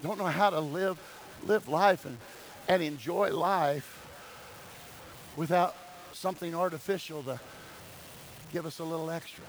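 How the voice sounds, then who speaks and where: A man's voice: a little high, unhurried, pauses often, a little hiss or hum, rough recording. A man preaching a sermon as a pastor, exhorting his congregation with repeated key phrases and calls for amens. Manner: swings from quiet talk to loud emphatic cries. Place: church sanctuary during a service.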